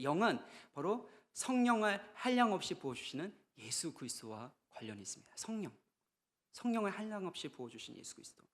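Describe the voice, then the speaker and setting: Higher-voiced man preaching conversationally. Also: fairly bright tone. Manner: conversational preaching, rising to emphatic bursts. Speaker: pastor. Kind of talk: sermon at a retreat.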